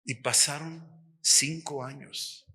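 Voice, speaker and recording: A middle-aged Mexican man giving a lively testimony sermon at a missions workshop, acting out the dialogue as he tells the story. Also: a little high, slow, breathy edge. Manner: animated storytelling, acts out dialogue.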